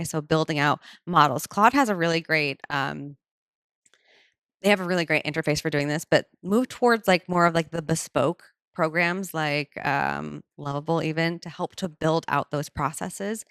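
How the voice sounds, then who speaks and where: A woman's voice: low voice, a bit bright, clean tone, no room sound, clean studio sound. A woman speaking on a panel to a live audience, chatty and full of fillers. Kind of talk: casual talk to a live audience.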